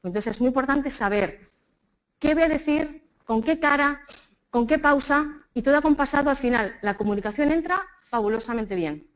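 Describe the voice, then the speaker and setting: In front of an audience in a conference room, a woman from Spain, speaking with a Spanish accent, runs a public speaking talk and guides everyone through exercises. Lively, she keeps checking in with the crowd. Her voice is high, her speed normal, and the recording quality poor.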